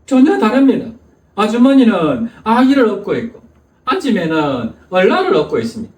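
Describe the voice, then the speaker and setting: A pastor putting on a stubborn, pedantic old school principal. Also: male voice, high voice, huge pitch swings, normal speed, a little mellow, voice pushed up. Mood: insistent. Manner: insists curtly, keeps repeating that the words differ. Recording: echoey church hall, distant mic.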